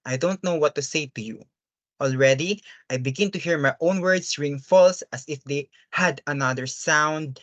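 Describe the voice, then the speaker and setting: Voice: mid-range voice, normal speed, fairly bright tone, no echo, lightly acted. Actor playing an earnest, deferential, anguished father. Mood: hesitant, uneasy. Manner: formal, hesitant, pleading. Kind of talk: dramatic stage-play reading.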